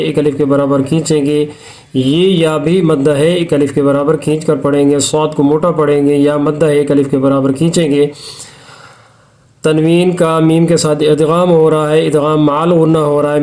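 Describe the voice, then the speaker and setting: A man's voice: on the high side, warm tone. Methodical man teaching recitation rules. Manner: slow, drawn-out recitation between brisk explanations; methodical, repeats rules step by step. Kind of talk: Hindi-Urdu lesson on tajweed, with recitation.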